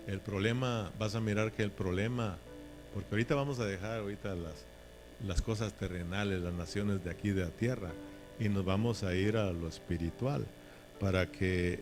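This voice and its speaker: Folksy low-voiced preacher. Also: male voice. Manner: folksy, joking, asks ¿verdad? often. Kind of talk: sermon. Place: church.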